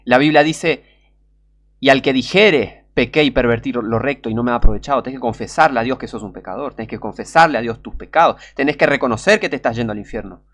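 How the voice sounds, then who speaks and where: A man with a Rioplatense Spanish accent preaching a sermon, urgent and pleading, sometimes breaking into shouts. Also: mid-range voice, fast.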